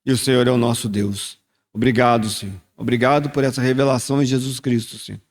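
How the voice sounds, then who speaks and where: A man's voice: mid-range voice, steady tone, quick pace. A man giving a short communion sermon, then praying aloud and repeating "Lord" often, in a reflective tone. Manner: reflective, repeats "Senhor" in prayer. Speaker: church leader at communion. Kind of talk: sermon and spoken prayer.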